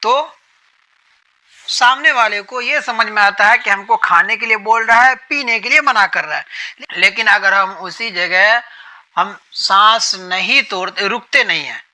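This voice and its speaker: A man's voice: high-pitched, pushed and bright, low-quality recording. A man teaching a lesson on Quran reading, who repeats each point and asks questions that he then answers himself. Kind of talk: explanatory lesson.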